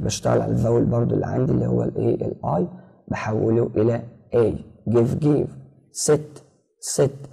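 Gravelly Egyptian teacher drilling English verbs. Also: male voice, mid-range voice, mellow, rough recording. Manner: repetitive drilling, rhetorical questions. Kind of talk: recorded grammar lesson.

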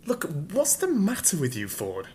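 A man voicing Arthur Dent, high and indignant. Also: huge pitch swings, unhurried, a little mellow, a little hiss or hum. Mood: exasperated. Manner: exasperated, sarcastic exclamations. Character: flustered indignant Englishman in mud.

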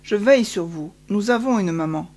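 Une femme lisant un petit garçon doux et consolateur. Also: female voice, mid-range voice, animated, moderate pace, darkish tone, natural voice. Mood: gentle, consoling. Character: radiant gentle little boy, calm and consoling.

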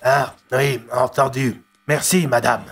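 A man voicing a blunt male police commissioner with a gravelly, husky voice. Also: mid-range voice, fairly even intonation, takes it slowly, fairly bright tone, soft background music.

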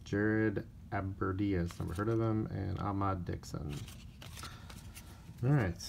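This is casual pack-opening commentary: a man with a low, fry-tinged voice unhurriedly works through each pack on camera and reads off player names in a flat list, a bit weary. The recording has a little hiss or hum, plus wrapper crinkles and card clicks.

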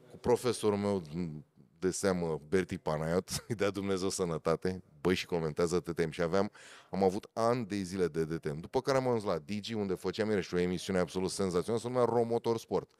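A man, a motorsport commentator telling animated stories in a casual podcast chat. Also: clear, resonant tone, no echo. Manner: animated storyteller, swings loud and high for emphasis.

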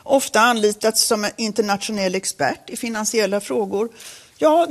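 Woman giving a formal press statement. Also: medium pitch. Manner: formal, measured delivery with occasional self-corrections. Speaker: board chair at a press conference.

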